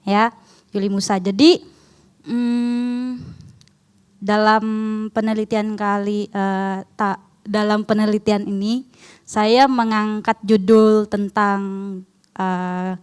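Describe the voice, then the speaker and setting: Clear-voiced foreign woman speaking accented Indonesian. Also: mid-range voice, flat delivery, slow, pauses often, darkish tone. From outside Indonesia. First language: not Indonesian. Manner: foreigner speaking Indonesian, conversational, often asking listeners questions. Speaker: research presenter at a seminar. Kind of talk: informal academic presentation.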